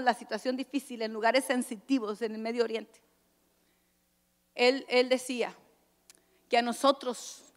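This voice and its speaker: A woman preaching a sermon at a church convention, dramatic, with sudden swings from loud exclamations to hushed asides. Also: a little high. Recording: church hall reverb.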